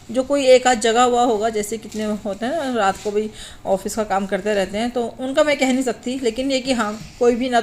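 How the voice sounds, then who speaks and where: A woman chatting to her viewers in a casual home vlog while cooking in her kitchen. She rambles, repeats filler phrases and clears her throat after a recent cough. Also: fairly high pitch, darkish tone, slight background noise. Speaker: home vlogger and mother.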